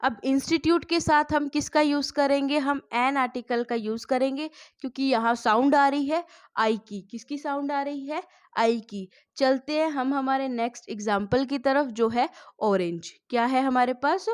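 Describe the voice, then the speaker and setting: A woman's voice: sits high, normal speed. A woman teaching a spoken English lesson, asking the class questions and answering them herself.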